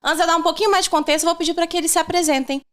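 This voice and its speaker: A woman's voice: very high voice, steady tone, very fast, fairly bright tone. A young woman hosting a casual podcast chat, upbeat and friendly, laughing often. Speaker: podcast host. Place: studio.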